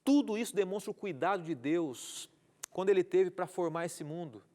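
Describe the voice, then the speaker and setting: A man's voice: high-pitched, lively intonation, normal speed, warm tone. A man with a Brazilian Portuguese accent, a pastor teaching a Bible study on a TV program, earnest and repeating key words, asking rhetorical questions and reading out viewer messages. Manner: reads out viewer messages with greetings. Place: TV studio.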